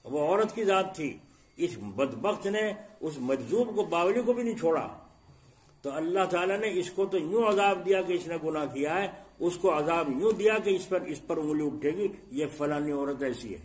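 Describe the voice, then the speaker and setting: A middle-aged man preaching an Islamic sermon, asking the congregation questions and acting out little scenes with sudden jumps in loudness. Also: fairly high pitch, animated, a little hiss or hum. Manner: rhetorical questions to the congregation, acts out scenes with sharp shifts in loudness.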